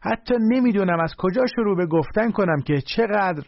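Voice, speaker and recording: An overeager young salesman, as a narrator puts him on, gushing in fake surprise with a voice that climbs high. The recording is dry and slightly dull. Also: lively intonation, gravelly, no room sound, heavily acted.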